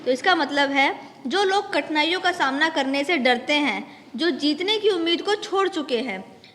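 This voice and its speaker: High-voiced woman teaching a children's lesson. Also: animated, moderate pace, a bit bright, big-room sound, slight background noise. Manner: patient, step-by-step, mixing in English words. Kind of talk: explaining a textbook lesson to children.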